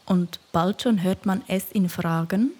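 Breathy, half-whispering woman narrator. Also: mid-range voice, measured pace, darkish tone. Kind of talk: rhyming children's storybook reading.

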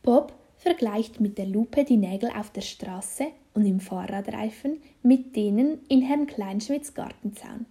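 A woman reading a children's story aloud, slow and deliberate. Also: a little high, mellow.

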